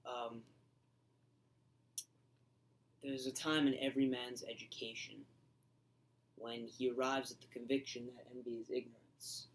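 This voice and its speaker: Young man doing a earnest old male philosopher, halting delivery, recited lines, amateur skit. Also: medium pitch, level tone, lightly acted, rough recording. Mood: assured. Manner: halting, many ums and uhs, recites lines. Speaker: interviewee in a school skit.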